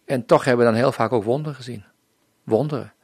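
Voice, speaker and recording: A man's voice: mid-range voice, fast, husky, no echo, clean studio sound. A man from the Netherlands, a missionary, telling his personal faith testimony in an interview. He speaks earnestly and often acts out remembered dialogue. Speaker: missionary guest.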